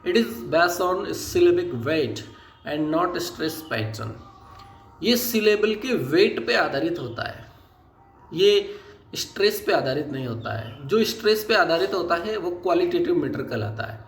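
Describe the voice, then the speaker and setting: A man giving a lesson, explaining terms patiently and reading English lines aloud slowly word by word. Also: a little high. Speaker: teacher. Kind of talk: recorded lecture explaining English poetic meter. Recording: echoey room with faint background noise.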